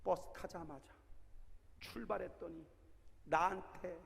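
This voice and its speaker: A man in his sixties, a pastor preaching a sermon, telling stories and breaking into shouted exhortations, in a large prayer hall. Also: high-pitched, takes it slowly, creaky. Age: 60s. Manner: animated storytelling with shouted exhortations. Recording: long reverb of a large hall.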